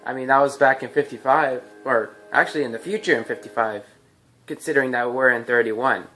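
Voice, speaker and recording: Brief: man doing casual gameplay commentary, chatty and joking, crisp bright tone, faint music under. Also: mid-range voice, brisk. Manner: chatty, joking, thinks aloud. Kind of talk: casual let's-play commentary.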